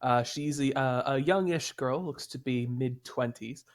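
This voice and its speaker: Game master man, measured and hesitant. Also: medium pitch. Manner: measured, frequent "uh" pauses while describing. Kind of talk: narrating a tabletop game over voice chat.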